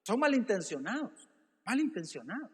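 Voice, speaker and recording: A man with a notably high voice preaches a sermon as pastor. He keeps addressing the listeners as brother and throws out rhetorical questions. His voice rings with the long reverb of a church hall. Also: sing-song, normal speed.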